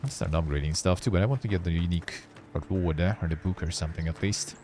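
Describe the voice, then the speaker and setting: A man's voice: low-pitched, fast talker, darkish tone. A man streaming a video game, thinking aloud in casual, rambling commentary and tagging remarks with "eh?".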